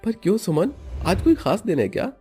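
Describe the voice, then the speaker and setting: A man voicing a young businessman husband, talking fast in a raised voice. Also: sits high, sing-song, dark tone, faint music behind, pitched above the performer's own voice. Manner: raised, quick delivery.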